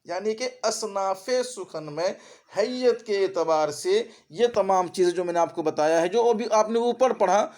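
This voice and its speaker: During an Urdu grammar class geared to exams, a man speaking with an Indian Urdu accent repeats terminology and checks comprehension with rapid questions. The pitch is high and the tone somewhat dark.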